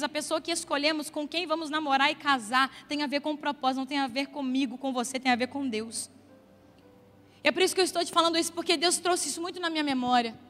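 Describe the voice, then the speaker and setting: A woman with a Brazilian Portuguese accent preaching a sermon in a church, telling stories conversationally with playful asides to the congregation. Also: extremely high pitch. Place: church sanctuary. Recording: long church reverb, soft music behind.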